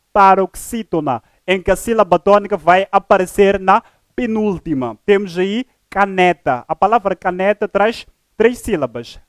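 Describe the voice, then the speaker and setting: A man teaching a live grammar lesson, slow and deliberate, spelling words out syllable by syllable in a formal tone. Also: high-pitched, dry recording, clean studio sound. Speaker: teacher presenting a live program.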